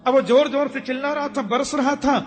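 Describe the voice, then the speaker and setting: Expressive high-voiced male storyteller. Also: fairly quick. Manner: expressive, acting out characters. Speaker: religious storyteller. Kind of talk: devotional story sermon. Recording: echoey hall with faint music.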